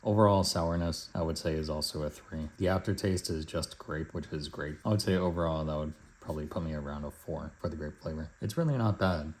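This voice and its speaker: Male food reviewer, low-pitched voice, casual and matter-of-fact, talking through a taste test in measured phrases.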